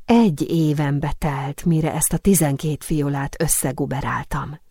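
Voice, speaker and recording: Earnest young perfumer woman, gentle and pleading, read by a woman; low, warm, dry. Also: slightly rough, no echo.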